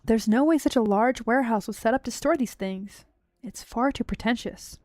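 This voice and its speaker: A woman streamer chatting casually and reading a game story aloud, excitable and jokey. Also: a little high, moderate pace, dry recording.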